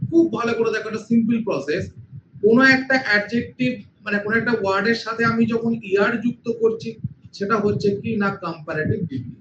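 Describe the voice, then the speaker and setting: A man's voice: high-pitched, fast. A man teaching an English grammar lesson, patient, repeating points and asking his students questions. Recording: echoey room, dull lo-fi sound with noise.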